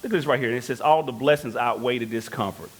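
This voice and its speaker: A man's voice: mid-range voice, fast talker, husky. A man preaching a sermon in church, calling questions out to the congregation and telling stories. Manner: preaching with calls to the congregation, storytelling. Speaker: pastor.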